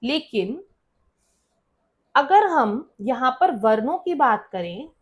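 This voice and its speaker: A woman's voice: high-pitched, sing-song, slow pace. A woman teacher explaining a school lesson, often asking students a question and then answering it herself.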